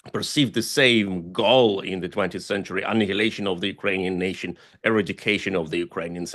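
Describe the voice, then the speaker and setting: A man's voice: low voice, fairly bright tone. A man from Russia, not a native English speaker, answering interview questions earnestly and hesitantly, with many fillers as he lists historical examples. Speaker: guest scholar and activist.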